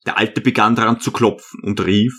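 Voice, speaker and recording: A man narrating an audiobook as a first-person storyteller, measured and earnest. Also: lowish voice, steady tone, fairly bright tone, breathy edge.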